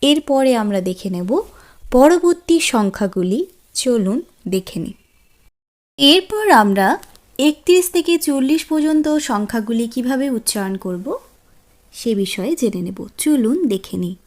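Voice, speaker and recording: A woman's voice: on the high side, lively intonation, a little slow, darkish tone. A woman teaching a language lesson, patiently repeating each word for learners to echo. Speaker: French teacher. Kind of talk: slow, clear language lesson.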